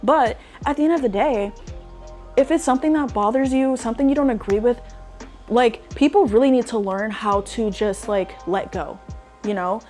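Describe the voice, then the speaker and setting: A young woman delivers casual online commentary, ranting in an exasperated, emphatic way and leaning on "like" constantly. Her fairly high voice is a little mellow and moves at normal speed, over soft background music.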